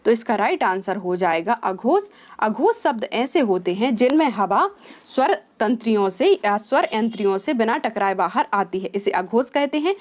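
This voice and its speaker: A woman teaching an exam-prep lesson who mixes English words into her explanation. She asks her own questions and then answers them. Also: fairly high pitch. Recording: slightly dull, lo-fi sound.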